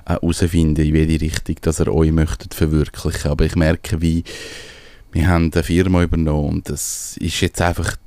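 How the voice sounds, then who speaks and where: A man with a Swiss German accent, a radio show co-host who also owns a small business, chats casually, rambling and searching for his words. His voice is very deep and mellow, with a completely flat delivery at a moderate pace. The recording is dry.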